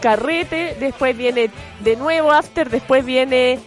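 A woman with a Chilean accent, co-hosting a radio show and chatting in a lively, slangy way. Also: sits high, slow pace, soft background music. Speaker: radio co-host. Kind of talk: casual chat. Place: radio studio.

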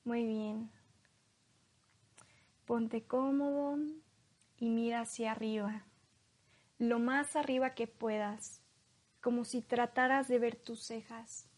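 A woman leading a guided hypnosis in a slow, soothing hypnotist voice, leaving long pauses between phrases. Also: a little high, steady tone, darkish tone.

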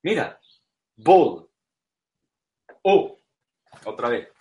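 A man whose first language is English, lecturing slowly in a second language, repeating words and searching for terms as he explains. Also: on the high side, animated, noisy background.

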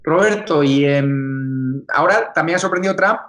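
Casual interview host, fairly high voice. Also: male voice, moderate pace, a bit bright. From Spain. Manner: informal, chummy.

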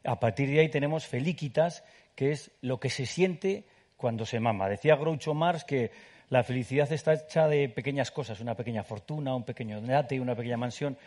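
A man's voice: mid-range voice, fairly quick, a little mellow. A man from Spain with a Spanish accent, a guest author speaking enthusiastically at a public book talk. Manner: enthusiastic, explanatory.

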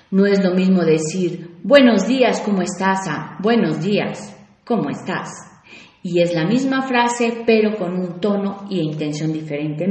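Woman, radio host, reflective, questioning, steady mid-pitched voice. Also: heavy reverb. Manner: warm, reflective, asks listeners questions. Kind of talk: radio talk on personal growth.

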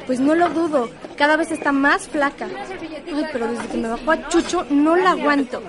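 Woman playing a gossipy teenage schoolgirl, high voice. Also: normal speed, a crowd in the background, lightly acted. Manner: gossipy, exclamatory "ay". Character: teenage girl Fer, shy about her crush. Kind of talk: educational radio drama.

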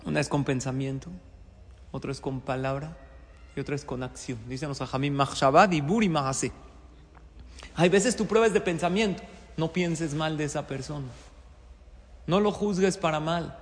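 A man teaches a Torah-based lesson on life's tests, pressing each point with rhetorical questions and repeated phrases. His voice sits a little high for a man. The recording carries a long, ringing reverb. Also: normal speed, long pauses. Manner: poses rhetorical questions, emphatic repetition. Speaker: religious teacher. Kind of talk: Torah-based moral talk.

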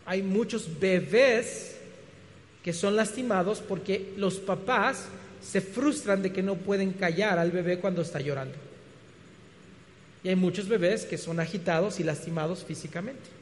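A man preaching a sermon, animated and full of rhetorical questions, often restarting his words. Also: high voice, measured pace, slight background noise. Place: church hall. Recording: reverberant hall.

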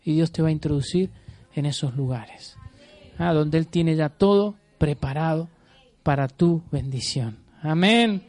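A man's voice: a little high, measured pace, a little mellow, no echo. A man preaching a sermon, declaring prophetic words with emphasis, often tagging lines with a questioning "ah?" and calling for amens. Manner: emphatic, keeps checking in with a questioning "¿ah?"; leads the congregation in amens and applause. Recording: dry sound with faint music behind.

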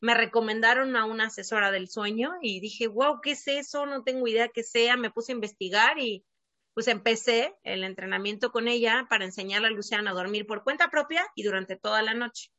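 A woman's voice: fairly high pitch, brisk, sharp tone, no room sound. A woman from Argentina, a child sleep coach, talking earnestly as a podcast guest and filling her speech with little filler words. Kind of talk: casual interview chat. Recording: dull lo-fi dry sound.

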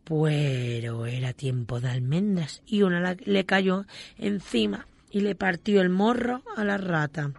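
Gentle storyteller reading a folk tale. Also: medium pitch, a little slow, gravelly, dry recording.

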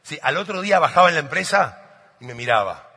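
A middle-aged man from Argentina with an Argentine Spanish accent, a motivational speaker and coach telling animated stories to an audience and often asking "¿sí?". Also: a little high, fast, husky. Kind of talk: storytelling talk to a live audience. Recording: long hall reverb.

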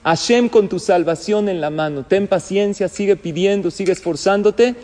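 A man's voice: sits high, moderate pace, darkish tone, long reverb tail. A man giving a sermon as a rabbi, telling stories and asking the listeners questions. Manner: storytelling with jokes and questions to the listeners. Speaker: rabbi and lecturer.

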